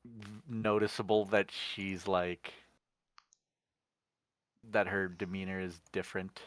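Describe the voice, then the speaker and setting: A man's voice: low voice, flat delivery, takes it slowly, a bit bright, dry recording. A man playing a tabletop role-playing game, narrating his character's actions with hesitant fillers. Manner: hesitant, with many fillers and restarts. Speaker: tabletop role-play player.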